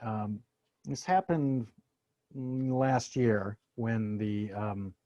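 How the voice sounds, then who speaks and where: A man's voice: on the low side, very slow, mellow, no echo, highs cut off. A man giving an informal dharma talk to a gathered online audience in a hesitant, thoughtful way. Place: online meeting from the San Francisco Bay Area.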